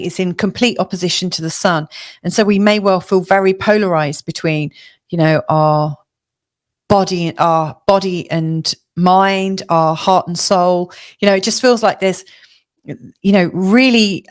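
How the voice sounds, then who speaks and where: A woman astrologer giving a chatty weekly forecast to camera, slightly hoarse, with many fillers and restarts. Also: medium pitch. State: slightly hoarse, losing her voice. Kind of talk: casual spoken forecast to camera.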